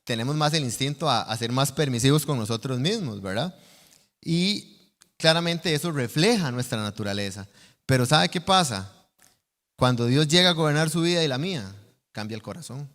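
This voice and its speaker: Costa Rican preacher in a reverberant church. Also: male voice, medium pitch, lively intonation, normal speed, fairly bright tone. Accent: Costa Rican Spanish. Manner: earnest, teaching, asks the congregation questions. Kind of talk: sermon. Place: church sanctuary. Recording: long church hall reverb.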